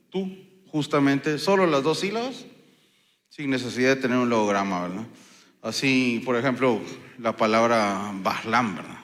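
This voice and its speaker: A man's voice: mid-range voice, a bit bright. A man with a Guatemalan Spanish accent giving a university lecture, explaining patiently and checking in with his listeners. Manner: explanatory, frequent checking "¿sí?" and "eh" fillers. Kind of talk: university lecture on Maya epigraphy. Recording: long hall reverb.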